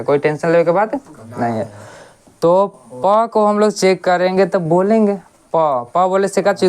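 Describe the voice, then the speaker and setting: A coaching teacher gives a casual grammar lesson. They ask questions, answer them themselves, and repeat sounds slowly to show them. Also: medium pitch, darkish tone.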